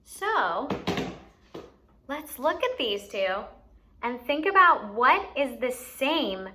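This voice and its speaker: Over a noisy background, a story time host and teacher runs a kids' learning activity, speaking slowly in a high voice with big pitch swings. She hands out playful instructions and questions pitched at little children.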